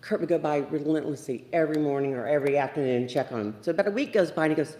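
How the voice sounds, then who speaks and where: A middle-aged woman giving a memorial eulogy, a lively storyteller who acts out the lines of the people in her stories. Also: low-pitched, very fast, a little hiss or hum. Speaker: eulogy speaker. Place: memorial service room. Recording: echoey livestreamed room.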